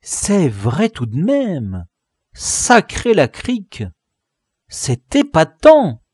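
A man reading an audiobook and voicing a loud, bossy village boy who leads a gang. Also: medium pitch, big pitch swings, normal speed, no room sound, studio quality, lightly acted. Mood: amazed. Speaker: audiobook reader.

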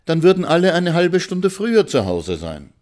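A man voicing a theatrical, exclaiming woman in a storybook reading, lifting his voice higher. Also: huge pitch swings, normal speed, darkish tone. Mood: eager.

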